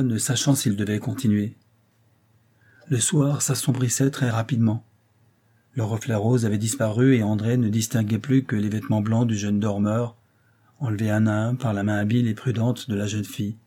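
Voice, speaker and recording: Low, husky male audiobook narrator. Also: warm tone. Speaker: audiobook reader. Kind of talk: scripted narration of a novel.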